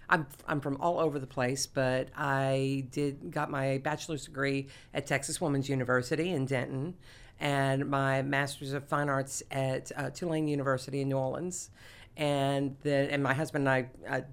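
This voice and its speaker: A woman in her forties who runs a school theater program, telling her story in an animated, quick way. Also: extremely low pitch. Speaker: theater teacher. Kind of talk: interview conversation.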